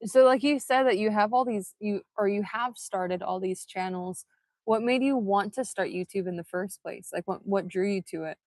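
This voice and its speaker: A woman interviews guests casually as a livestream host. Her voice sits at a medium pitch, recorded dry with very little room sound. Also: normal speed, darkish tone, dry recording.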